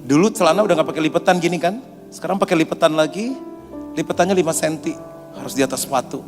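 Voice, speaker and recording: A man's voice: on the high side, quick pace, big-room sound, over music. A man preaching a sermon as a pastor, telling funny anecdotes with slangy asides.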